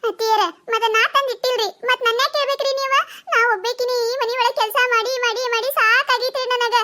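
A woman voicing a loud, quarrelsome young village wife in a cartoon, ranting and scolding in a North Karnataka Kannada accent. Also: fairly even intonation, quick pace. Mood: complaining. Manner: shrill scolding rant. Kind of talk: cartoon voice acting.

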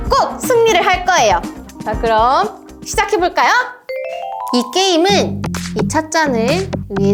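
Young female kids' game host, high and very animated, slow-paced, polite playful commentary over music. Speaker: host of a children's game show. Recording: loud music behind the voice. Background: loud music.

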